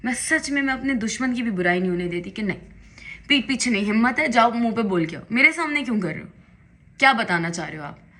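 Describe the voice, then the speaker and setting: A woman's voice: a little high, lively intonation, quick pace, fairly bright tone. A young woman talks casually in a makeup vlog while doing her makeup at home. Her speech is chatty and emphatic, and she rises into indignant bursts. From Pakistan. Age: young adult. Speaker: vlogger. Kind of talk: casual get-ready-with-me vlog chat.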